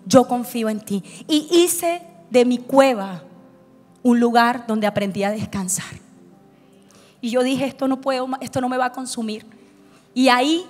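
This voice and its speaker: High-voiced woman preaching in echoing hall. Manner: emotional, acts out her own past words. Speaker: pastor. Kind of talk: conference sermon with personal testimony. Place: large church hall. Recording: church hall reverb with soft music.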